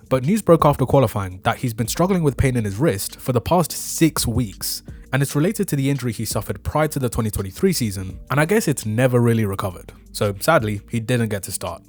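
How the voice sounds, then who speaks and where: A man's voice: medium pitch, darkish tone. A man giving opinionated, scripted motorsport commentary in casual fan slang, as a video creator reviewing a race. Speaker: motorsport YouTuber reviewing a Formula One race. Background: background music.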